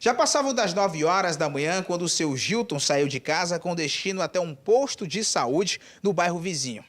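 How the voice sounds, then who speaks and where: Brief: male reporter from the Amazonas region of Brazil, high and very lively delivery, dry booth voice-over. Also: normal speed, no room sound. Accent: Amazonas Brazilian Portuguese. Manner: dramatic storytelling delivery with wide pitch swings. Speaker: TV news reporter. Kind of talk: scripted news report narration.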